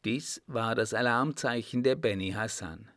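A man narrating an adventure story in a calm, even storytelling voice. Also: mid-range voice, a little slow, no room sound, clean studio sound. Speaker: audiobook narrator.

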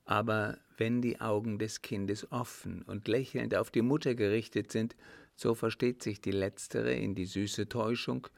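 A man voicing a calm, composed servant and former soldier who answers with quiet mockery in an audiobook reading. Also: on the low side, unhurried, creaky, no room sound. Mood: cool mocking. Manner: calm, composed, faintly mocking. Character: cool-headed male ex-soldier servant, calm and mocking.

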